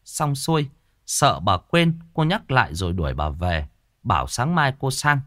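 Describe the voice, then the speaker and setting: A man's voice: medium pitch, sing-song, moderate pace, sharp tone, no echo, studio quality. A man narrating a ghost story in a dramatic storytelling style.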